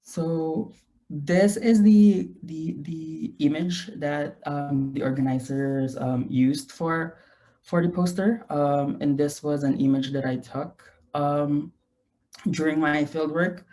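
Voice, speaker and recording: A man's voice: on the high side, fairly even intonation, slow, warm tone. A young adult man with a Filipino accent gives an informal online lecture, mixing Tagalog and English. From Philippines. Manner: mixes Tagalog and English (Taglish). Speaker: guest lecturer, graduate researcher. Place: home room, indoors. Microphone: video call.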